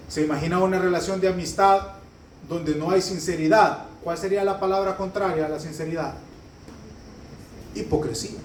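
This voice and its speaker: A male pastor preaching a fast, joking, conversational sermon that swells into loud, high emphatic bursts. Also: slight background noise. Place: church sanctuary. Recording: echoey hall, heard from a distance.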